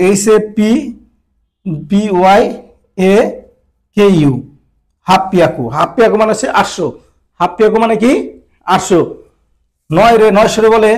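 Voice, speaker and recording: A man's voice: high-pitched, darkish tone. A man teaching a language lesson, speaking patiently and repeating each term, often checking that students follow. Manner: patient, repeats terms and checks "ঠিক আছে?".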